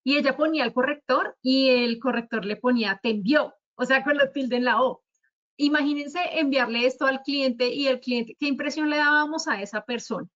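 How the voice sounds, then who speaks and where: A woman's voice: sits high, normal speed, fairly bright tone, dull audio. A woman with a Colombian Spanish accent explaining spelling rules at a virtual talk, going through examples one by one in a didactic way. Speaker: speaker at a virtual talk on writing. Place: virtual conference.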